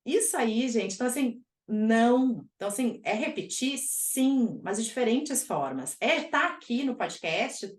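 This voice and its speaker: A woman hosting a podcast, chatting casually with an energetic, emphatic delivery. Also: on the high side, unhurried, few pauses. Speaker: podcast host. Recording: echoey room.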